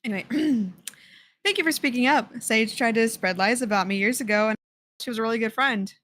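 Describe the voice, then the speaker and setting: A woman on a faulty mic that keeps cutting out, so her level jumps up and down. Her voice is bright and a little high, and she sounds snappy and impatient as she reads posts aloud for a stream. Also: brisk. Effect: mic cutting out, uneven volume. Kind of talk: casual chat and reading posts aloud.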